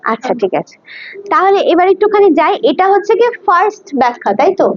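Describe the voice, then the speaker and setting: A woman teaching religious scripture, dictating slowly and carefully, often repeating herself and checking that her students keep up. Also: very high voice, animated. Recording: dull lo-fi sound.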